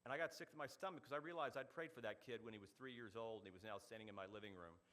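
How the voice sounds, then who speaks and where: Fast, bright-voiced storyteller man. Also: fairly low pitch. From Oklahoma. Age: middle-aged. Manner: animated storyteller, quick delivery with punchy asides. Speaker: speaker at a club meeting. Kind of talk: storytelling speech. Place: meeting hall.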